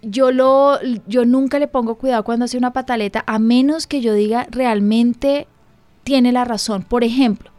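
Earnest woman pastor, bright voice. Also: fairly high pitch, steady tone, moderate pace, no echo. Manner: earnest, emphatic, acts out dialogue with her child. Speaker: pastor and radio program host. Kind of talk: conversational parenting advice talk.

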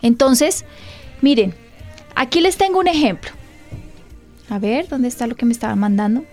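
A woman with a fairly high voice gives an earnest church teaching talk as host of the program. She often turns to her listeners with direct questions. Soft music plays faintly behind her. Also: moderate pace.

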